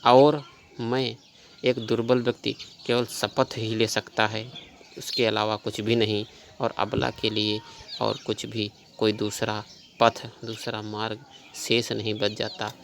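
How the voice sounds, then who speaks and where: A man's voice: lowish voice, level tone, slow pace, gravelly, a little hiss or hum. A man teaching a class, explaining a poem line by line and patiently restating each verse in plain words.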